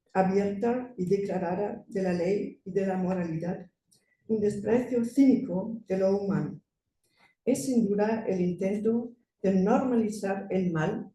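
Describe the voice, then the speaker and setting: A woman with a German accent reads an academic paper in a very soft, dark tone. Her delivery is careful and a little halting. She is picked up from a distance in an echoey room with faint noise. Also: medium pitch. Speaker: conference speaker. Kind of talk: scripted academic paper read aloud. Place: conference room.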